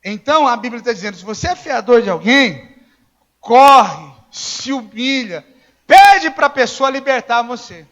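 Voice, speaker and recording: High-voiced preaching pastor, lo-fi sound. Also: male voice, expressive, unhurried. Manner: conversational storytelling, acts out dialogue, rises to shouting. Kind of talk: sermon. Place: church. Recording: dull lo-fi church recording.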